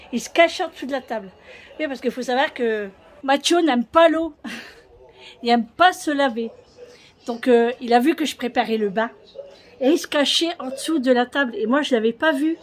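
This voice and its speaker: A fairly high-pitched woman talks to her viewers in a loose, rambling vlog style, full of fillers and little restarts. She sounds like she is chatting while doing chores around her kitchen at home. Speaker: vlogger. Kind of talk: casual home vlog chat.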